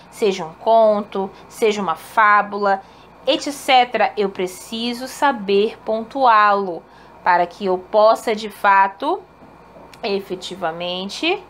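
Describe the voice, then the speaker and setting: A woman's voice: medium pitch, fairly bright tone, slight background noise. A woman teacher explaining a lesson to her pupils in a patient, explanatory way, calling them fond names. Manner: explanatory, addresses pupils fondly. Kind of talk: recorded online lesson.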